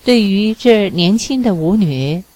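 A woman narrating an audiobook of literary fiction in a measured, even storytelling manner. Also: medium pitch, poor audio.

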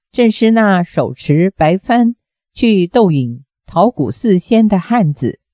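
A woman reading a martial arts novel aloud as a storyteller, raising her pitch for the characters' lines. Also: no room sound, studio quality. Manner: lively reading with raised pitch for quoted characters. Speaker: audiobook narrator.

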